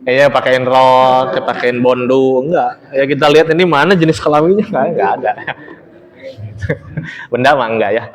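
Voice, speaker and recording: Man, Arabic teacher; casual, joking classroom explanation, mid pitch. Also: normal speed. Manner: relaxed, joking, laughs while explaining.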